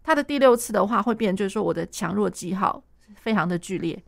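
A woman piano teacher with a Taiwanese Mandarin accent, explaining a piece in a lively way, singing and scatting the notes and laughing often. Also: mid-range voice, fast talker, vocal fry. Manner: animated, sings and scats the notes.

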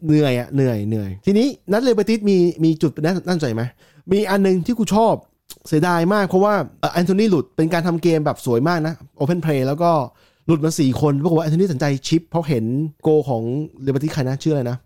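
A man talking football on a podcast, rattling along at a fast clip with a slightly raised pitch. He is animated and laughs often, in loose casual chat with a friend. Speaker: podcast co-host.

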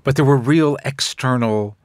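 A man's voice: mid-range voice, normal speed, no room sound. Male panel guest, 60s, from the US. Wry and opinionated, casual delivery, dry close sound. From United States. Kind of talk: casual political panel discussion.

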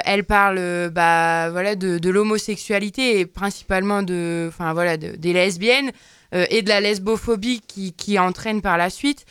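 Hesitant woman with a smooth voice. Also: medium pitch, a bit bright, dry recording, studio quality. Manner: hesitant, many fillers. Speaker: radio show columnist. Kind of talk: presenting a TV series review.

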